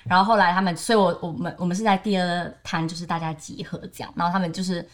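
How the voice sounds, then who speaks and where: A woman in her twenties with a Taiwanese Mandarin accent co-hosts a podcast, telling a story in casual chat and quoting her friends in livelier voices. She talks fast in a lowish, level voice.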